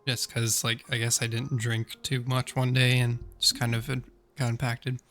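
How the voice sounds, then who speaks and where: A man's voice: mid-range voice, flat delivery, moderate pace, fairly bright tone, soft background music. A man with a slightly sore throat chatting casually on a gaming stream, rambling and correcting himself with many fillers.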